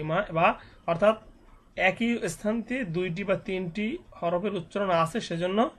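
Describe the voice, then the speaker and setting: Man, high voice, patient teacher; slow letter-by-letter drills. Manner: spells syllables slowly, then explains patiently. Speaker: Quran reading teacher. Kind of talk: slow spelling drill and explanation.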